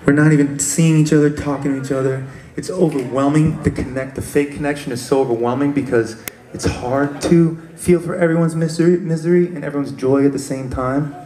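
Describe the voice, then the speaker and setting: A man voicing a drunk, long-haired old male metal sculptor who speaks slowly and earnestly. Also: on the high side, steady tone, mellow, natural voice. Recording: echoey live hall with crowd.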